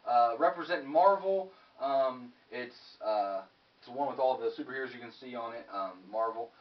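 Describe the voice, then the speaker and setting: A man's voice: mid-range voice, normal speed. A young man giving a casual, rambling tour of his game room, cracking jokes with mock-serious asides while someone films him. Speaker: YouTube vlogger. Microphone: camera held by someone filming. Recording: muffled audio from a distant camera.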